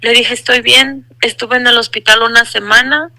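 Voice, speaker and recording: A woman gives an earnest personal religious testimony, repeating phrases for emphasis. Her voice sits a little high and sounds strikingly bright and sharp, with a gravelly edge. The sound is dry and close. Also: fairly even intonation, brisk, dry recording, poor audio. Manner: addresses listener as brother. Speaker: testimony speaker.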